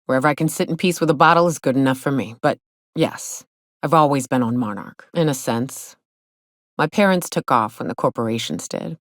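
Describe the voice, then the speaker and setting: This is video game dialogue from a gruff female monster hunter, voiced low and recorded very dry with no room sound. Brisk yet reflective, she drawls in a folksy, sardonic manner, like a hard-drinking trail guide who has seen plenty.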